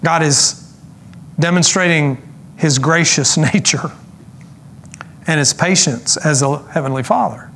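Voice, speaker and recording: Earnest preacher man, slightly high voice. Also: gravelly, fairly bright tone, a little hiss or hum. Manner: earnest preaching, slows for emphasis, with asides. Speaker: pastor. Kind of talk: sermon.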